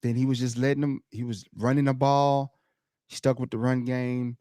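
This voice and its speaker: A man co-hosting a podcast, talking sports in a casual, animated way, laughing and mimicking the crowd. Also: mid-range voice, normal speed, no echo, studio quality. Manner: animated, laughs often, loud shouted impressions of the crowd. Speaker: podcast co-host.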